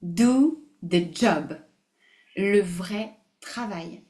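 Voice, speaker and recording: A woman hosting a live online masterclass, animated and emphatic, repeating phrases, mixing in English words and laughing often. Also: mid-range voice, extremely slow. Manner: mixes English words into her speech. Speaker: masterclass host. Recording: roomy echo.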